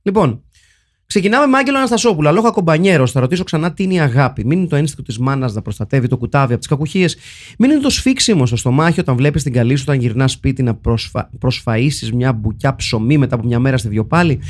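A man's voice: medium pitch, expressive. Man, podcast co-host, dry ironic jokes, casual chat. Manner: dry ironic jokes, reads listener comments.

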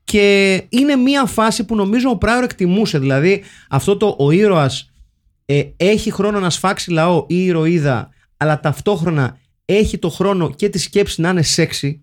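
Dry-witted man with a higher voice. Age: 40s. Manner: dry, joking, drawn-out hesitations. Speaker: podcast co-host. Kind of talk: casual film chat.

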